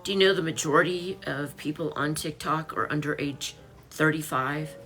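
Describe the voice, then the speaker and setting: With soft music playing behind her, a woman in her late fifties hosts a casual live stream from home, naming viewers as she goes through things she's selling. Her voice is low and a bit bright, and her pace is moderate.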